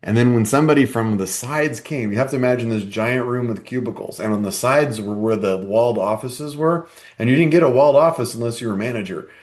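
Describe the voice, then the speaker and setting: A man's voice: medium pitch, brisk, a little mellow. A man co-hosting a podcast, explaining ideas in a casual way and telling workplace stories, with many asides and "right?"s. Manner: storytelling, lots of "right?" and "kinda", acts out coworkers. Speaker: podcast co-host.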